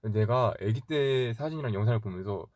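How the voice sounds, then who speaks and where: A man's voice: on the low side, no echo, studio quality. A young man in his twenties chatting casually on a livestream, answering fan comments with easy laughs and rambling stories. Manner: chatty, rambling, quick laughs, talks softly to himself. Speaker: idol livestream host.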